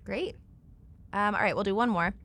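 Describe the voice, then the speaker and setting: A woman's voice: mid-range voice, normal speed, a bit bright. A woman hosting an interview, giving short upbeat prompts and questions. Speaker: podcast host.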